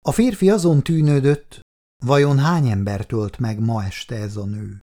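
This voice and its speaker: A man narrating a science-fiction audiobook in a measured, expressive reading style, dropping his voice for hushed lines. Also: mid-range voice.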